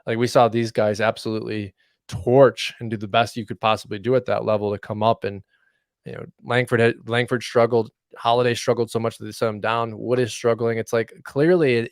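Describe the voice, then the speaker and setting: A man's voice: fairly low pitch, little pitch movement, moderate pace, no echo, studio quality. A man co-hosting a casual fantasy baseball podcast, talking in a loose, rambling way with many fillers. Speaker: podcast co-host.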